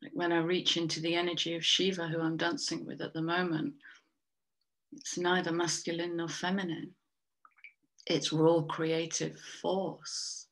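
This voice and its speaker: A woman with a lowish, gravelly voice leads a spiritual tarot card reading. She muses slowly and often trails off mid-thought before picking it back up. Small breathy laughs slip in between her thoughts. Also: level tone. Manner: slow, musing, trails off and restarts. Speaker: tarot reader and soul coach.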